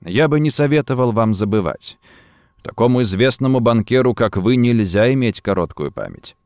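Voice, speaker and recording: A male narrator voicing a calm, cold detective who speaks slowly and softly with quiet menace. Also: medium pitch, no echo, clean studio sound, lightly acted. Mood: cold threat. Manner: slow, soft and menacing.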